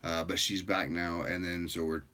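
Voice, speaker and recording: A man with a very deep voice hosts a casual livestream, chatting with viewers at a normal speed. He sounds tired and rambles in a loose, relaxed way, with frequent fillers and laughs.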